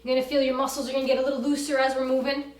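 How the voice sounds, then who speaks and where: Female workout coach, high voice, brisk commanding instruction, recorded in a roomy space away from the mic. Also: little pitch movement. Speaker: fitness class instructor. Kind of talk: energetic workout instruction with cues and countdowns. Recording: roomy echo, distant from the mic.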